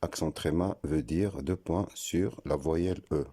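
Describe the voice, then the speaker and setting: A man giving a scripted lesson on French pronunciation, slowly spelling out words letter by letter. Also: rumbling low, warm tone, husky. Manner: slow, deliberate, spells out letters.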